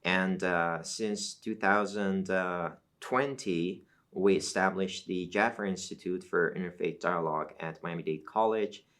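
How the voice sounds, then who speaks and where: In an academic interview, a middle-aged professor from Iran, whose native language is Azeri Turkish, explains things in a measured style punctuated by fillers. His voice is low-pitched and a bit bright.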